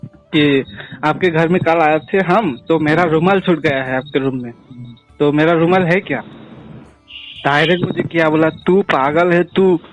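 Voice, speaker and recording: A young man telling a personal story in casual chat, animated, laughing often and acting out the dialogue. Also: fairly high pitch, moderate pace, pauses often. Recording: dull lo-fi sound with faint music.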